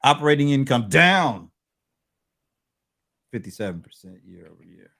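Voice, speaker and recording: A man co-hosting a casual business chat. His pitch swings widely as he talks through figures. He makes joking asides and teases his partner along the way. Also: big pitch swings, moderate pace, bright, forceful tone. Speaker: co-host.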